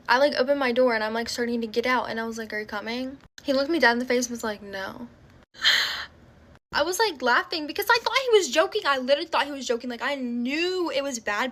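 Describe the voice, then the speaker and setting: A young woman with a high, bright voice tells a personal story in a chatty storytime vlog. She fills her sentences with "like" and acts out what everyone said as she goes. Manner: chatty, filler-heavy with frequent "like"; animated retelling with quoted dialogue.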